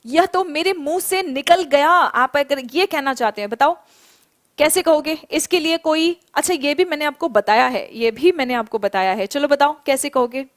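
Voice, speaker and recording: High-voiced woman teaching spoken English. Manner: explains in Hindi, drills English phrases slowly for students to repeat. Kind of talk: online spoken English class.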